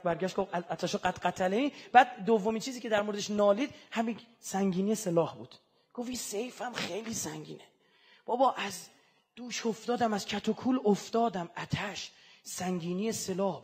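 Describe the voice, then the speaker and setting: A man giving an impassioned religious sermon, moving from hushed, mournful passages to loud, fervent outbursts. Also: high-pitched, slightly rough. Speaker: religious speaker.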